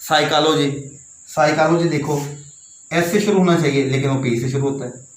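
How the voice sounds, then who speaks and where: A man's voice: medium pitch, quick pace, darkish tone. A man explaining English spelling and pronunciation to learners, spelling words out letter by letter and repeating his points. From Pakistan. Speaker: English teacher. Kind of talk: classroom-style explanation. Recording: echoey room, faint background noise.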